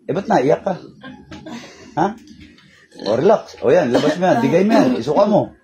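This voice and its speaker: With a crowd audible behind him, a faith healer leads a healing session in a noisy room, speaking sternly, scolding, and firing repeated questions while insisting "ha?". His voice is on the high side, lively in intonation, and delivered at a normal speed.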